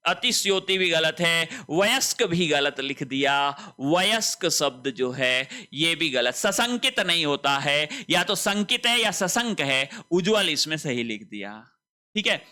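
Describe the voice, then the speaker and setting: A man with a Rajasthani accent teaches Hindi spelling for a competitive exam. He speaks in a high, very bright voice. He moves slowly through each answer choice and keeps asking the students questions. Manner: explains step by step with rhetorical questions. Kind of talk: exam-prep spelling lesson.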